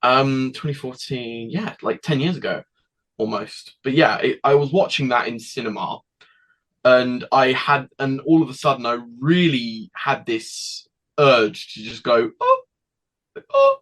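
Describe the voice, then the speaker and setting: A man's voice: medium pitch, a bit bright, poor audio. A teenage boy talks through his past as an interview guest. He rambles and halts, restarting sentences and acting out little quoted exchanges along the way. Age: teens. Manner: rambling, halting, with many restarts and acted quotes. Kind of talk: casual interview storytelling.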